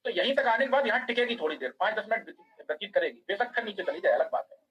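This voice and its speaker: Fast-talking man teaching a trading class. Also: sits high, sing-song, fairly bright tone, husky, lo-fi sound. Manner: fast, explaining a chart, quizzing students by name. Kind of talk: live online class.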